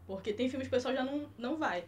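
High-voiced Brazilian woman telling stories. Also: quick pace, a little hiss or hum. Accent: Brazilian Portuguese. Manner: lively anecdotal storytelling. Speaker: co-host film critic. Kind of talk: casual podcast chat.

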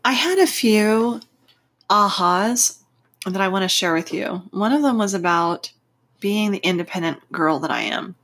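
A woman hosting a reflective personal podcast, speaking in deliberate, expressive phrases with a congested, nasal voice from a stuffed-up nose. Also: medium pitch. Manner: unhurried, deliberate phrasing with pauses. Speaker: podcast host.

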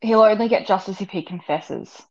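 A woman's voice: medium pitch, moderate pace, a little mellow. A woman co-hosting a podcast in casual chat, her voice heard through dull, worn-sounding audio. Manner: chatty, agreeing. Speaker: podcast co-host.

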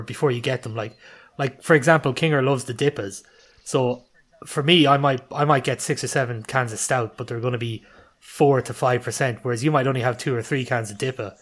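Casual Irish man chatting among friends. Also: mid-range voice. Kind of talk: casual group chat.

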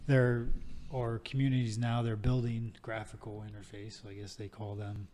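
A man co-hosting a tech podcast in casual chat, speaking haltingly and restarting his sentences. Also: on the low side, little pitch movement, mellow, slight background noise. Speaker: podcast co-host.

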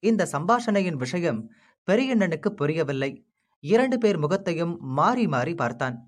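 A man narrating an audiobook novel in a measured, even way. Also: fairly high pitch. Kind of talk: scripted storybook narration. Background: background music.

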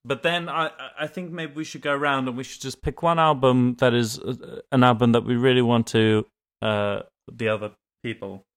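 Guy cohosting a chatty podcast, teasing banter, average pitch. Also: fairly even intonation, normal speed, hardly any pauses, smooth. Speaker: podcast co-host. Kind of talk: casual chat.

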